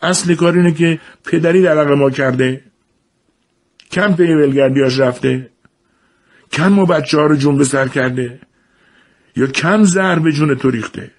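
A man voicing an angry grown son who shouts bitter accusations at his father's defender, in a storybook reading. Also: fairly high pitch, pauses often, pitched above the performer's own voice. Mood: furious.

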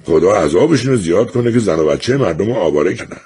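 A man voicing a grumbling old man, with a husky, low voice. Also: animated, warm tone, exaggerated voice.

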